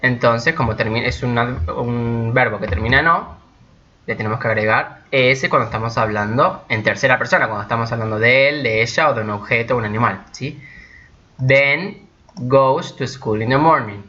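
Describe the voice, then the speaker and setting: A man whose first language is Spanish teaching English grammar step by step, often checking in with his students and slowing down to stress each example sentence. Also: medium pitch, sharp tone. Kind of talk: recorded grammar lesson. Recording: dull lo-fi recording.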